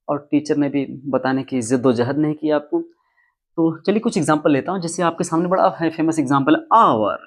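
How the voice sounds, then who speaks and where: A man teaching English pronunciation, explaining rules emphatically and repeating key words. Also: on the high side. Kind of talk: classroom-style explanation.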